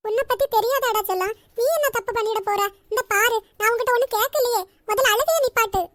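A woman plays a very high, shrill old grandmother in a cartoon, fussing over her grandchild and scolding the boys. The sound is dry and close. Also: quick pace, a bit bright, no echo. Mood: coaxing. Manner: coaxing, scolding in turns. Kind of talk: cartoon voice acting.

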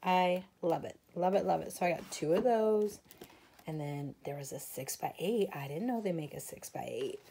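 A woman's voice: fairly low pitch, moderate pace, creaky, dark tone, slight background noise. A woman showing off her craft supply haul in a casual video, gushing over each item and saying she is tired. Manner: gushing, breathless exclamations. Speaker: craft vlogger.

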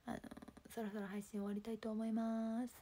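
A young woman with a Kansai accent, chatting casually on a livestream and reading viewer comments in a soft, calm voice that often drops near a whisper. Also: on the high side, a little fast, slight background noise. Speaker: livestream host. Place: home.

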